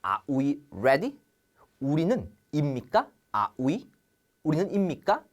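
A woman teaching English grammar on a TV lesson, acting out question-and-answer pairs and drilling English phrases slowly between quicker explanations. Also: sits low, sing-song.

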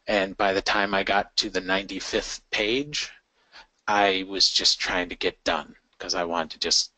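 A man with a low, bright-edged voice walks participants through survey design in a live online session. He talks loosely, with plenty of ums and restarts. The sound is dry and close. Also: no echo, rough recording. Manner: conversational, many fillers and restarts. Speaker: session facilitator. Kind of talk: live webinar teaching.

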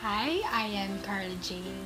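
A woman in her twenties, an interviewee talking about her studies in a lively way, mixing in Tagalog. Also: mid-range voice, measured pace, over music, poor audio. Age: 20s. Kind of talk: recorded self-introduction.

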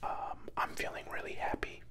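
A man's voice: moderate pace, pushed and bright. A young man from Florida whispering a rambling, self-doubting ASMR chat close into microphones. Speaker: ASMR creator. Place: small home room with neon lights, indoors. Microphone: two studio mics close on either side.

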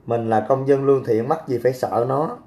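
A man's voice: medium pitch, brisk, dark tone. A young man, hosting a casual livestream, reading out comments and talking back in a brash, crude way. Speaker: livestream host.

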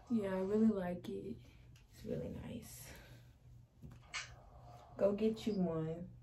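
A young adult fashion vlogger chats her way through a clothing try-on haul in her small bedroom, sassy and full of slang. Her mid-range voice has a warm tone, picked up by a camera across the room, and the audio is poor with slight background noise.

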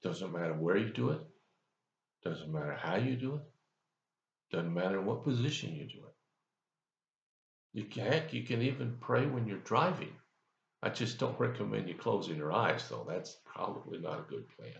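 With a deep, gravelly, expressive voice at normal speed, an older man preaches a conversational devotional from a leather chair in his office, recorded on a webcam. He pauses often and asks the listener questions. The audio is reverberant, with highs cut off.

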